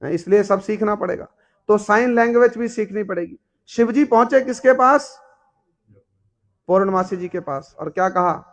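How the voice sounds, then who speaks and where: Man, high voice, devotional storytelling sermon, keeps quizzing the listeners. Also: moderate pace. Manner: asks the audience rhetorical questions, acts out characters. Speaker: preacher.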